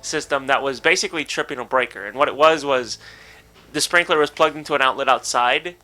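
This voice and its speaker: A man's voice: medium pitch, fairly quick, bright, forceful tone, faint music behind. A young man on a casual gaming podcast, telling a story with lots of swearing and laughter. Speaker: podcast co-host.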